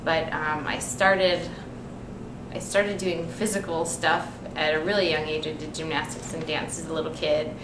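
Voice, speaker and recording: A young woman talks about herself in a relaxed, chatty way, her voice sitting fairly low. She is recorded from a distance in an echoey room with clear background noise. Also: normal speed. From United States. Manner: relaxed and chatty, many ums. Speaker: interviewee, nurse and figure athlete. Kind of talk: casual self-introduction. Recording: echoey room, mic from far off, noisy.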